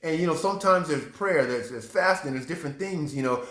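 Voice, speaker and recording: Animated preacher man with a lively, high voice. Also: fairly quick, echoey room. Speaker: pastor. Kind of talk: sermon.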